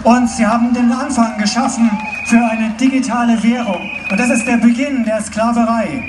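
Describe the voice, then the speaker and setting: A young woman with a fairly high voice interprets loudly and declaims a live translation at a moderate pace on an outdoor stage at a big rally, using a handheld mic. Filmed on a phone from far in the crowd, the recording is echoey and distant, full of cheering and ambient noise.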